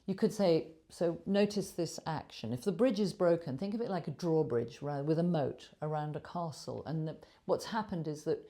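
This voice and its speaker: A woman's voice: sits low, mellow. A woman author giving an earnest spoken lesson on emotions, emphatic and full of vivid images, recorded on a clip-on lapel mic. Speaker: author and shame teacher.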